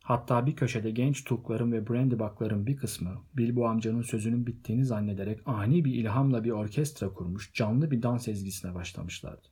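A man reading a novel aloud as an audiobook narrator, in measured, steady storytelling. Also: medium pitch, husky. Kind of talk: scripted literary narration.

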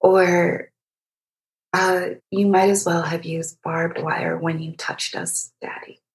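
In a low-leaning, level voice, a woman from Egypt leads a literary interview, pausing over her words as she thinks them through reflectively.

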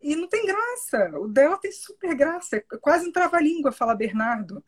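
A woman's voice: sits high, big pitch swings, a little fast. A woman with a Brazilian accent hosting a casual interview in an informal, conversational way. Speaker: interviewer, host. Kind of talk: casual live interview chat.

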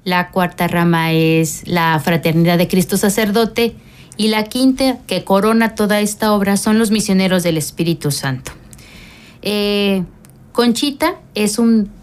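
A middle-aged woman, a religious sister, speaking calmly and explaining at length in a radio interview, with frequent pauses and fillers. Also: mid-range voice.

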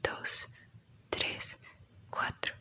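A woman guiding an acting exercise, giving short breathing cues and slowly counting breaths, dropping close to a whisper on the counts. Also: sharp tone. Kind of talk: guided acting lesson with slow breath counting.

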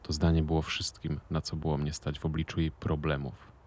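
A man narrating a first-person story as an audiobook, in a measured, wry, deadpan manner. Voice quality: deep, gravelly. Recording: dry close recording.

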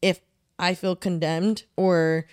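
A woman's voice: lowish voice, steady tone, slow, clear, resonant tone, no echo, studio quality. A young woman co-hosting a podcast, talking frankly and reflectively in casual chat. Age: young adult. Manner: reflective, frank, laughs easily. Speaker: podcast co-host.

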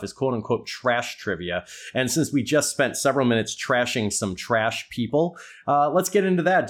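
A man's voice: medium pitch, fairly bright tone. A man hosting a casual roundtable podcast about trivia, with wry, sarcastic asides. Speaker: podcast host.

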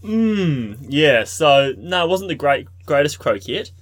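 A man's voice: fairly high pitch, sing-song, slow, no room sound, studio quality. A man hosting a podcast in casual, joking banter with laid-back slang. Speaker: podcast host.

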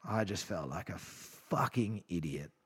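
A man's voice: deep voice, expressive, measured pace, breathy edge. Swearing, rambling man in his thirties. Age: 30s. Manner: rambling, swears, laughs through the telling. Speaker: guest. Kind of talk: casual storytelling.

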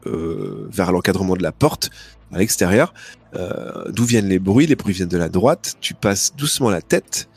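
Chatty guy as game master, lowish voice, music under it. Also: darkish tone, slightly rough. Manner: loose, chatty, many fillers. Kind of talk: narrating a tabletop game.

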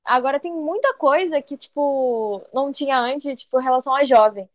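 A young woman with a high, bright-sitting voice tells stories in a casual interview, animated and quick to act out the people she quotes. The recording is close and dry, with no room sound. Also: dry recording, muffled recording. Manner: animated storyteller who acts out quoted voices and says "tipo" often. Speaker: TikTok creator guest.

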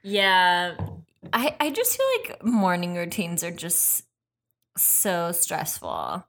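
A woman's voice: lowish voice, very animated, slow pace, a bit bright, a little hiss or hum. A woman chatting casually as a podcast co-host, laughing along with her partner. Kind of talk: casual chat.

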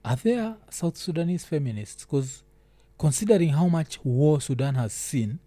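A man's voice: fairly high pitch, animated, normal speed, dark tone, dry recording. A man with a Kenyan accent hosting a casual chat, mixing English with Swahili slang. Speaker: host asking questions.

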